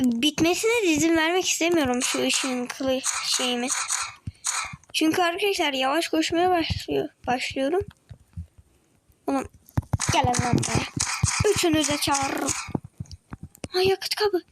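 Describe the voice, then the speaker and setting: High-voiced excitable young gamer. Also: female voice, noisy background. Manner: excitable, talks to viewers and in-game enemies, drops to whispers. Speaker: gaming video creator. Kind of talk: casual gameplay commentary.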